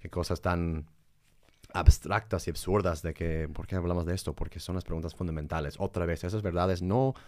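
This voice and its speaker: Man, low pitch, halting conversational delivery, religious podcast, dry recording. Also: fairly even intonation, a little mellow, no echo. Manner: halting, searching for words. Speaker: podcast co-host. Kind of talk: conversational religious discussion with scripture reading.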